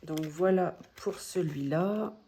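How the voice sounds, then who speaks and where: A woman casually showing her new card decks, talking in a gentle, hesitant way with many pauses and fillers. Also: on the low side. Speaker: tarot deck vlogger. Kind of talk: casual show-and-tell.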